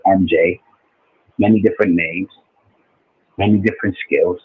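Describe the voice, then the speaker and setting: A man in his forties calling into a show over a muffled, low-quality phone line that sounds underwater, rambling and hard to follow. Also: steady tone, normal speed, breathy edge, no echo. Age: 40s. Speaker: caller. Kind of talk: call-in show chat.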